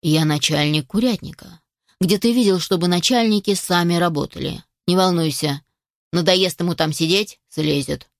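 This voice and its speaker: A woman's voice: fairly low pitch, moderate pace, dry recording, clean studio sound, pitched below the performer's own voice, lightly acted. Woman doing a pompous rooster boss. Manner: pompous, lecturing. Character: pompous self-important male rooster.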